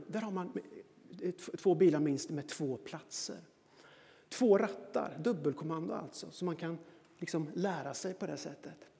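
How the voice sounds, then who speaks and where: A man recounting a personal story in an animated, self-mocking way. His voice sits high but sounds warm and mellow. A long reverb hangs behind each phrase. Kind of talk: personal anecdote monologue.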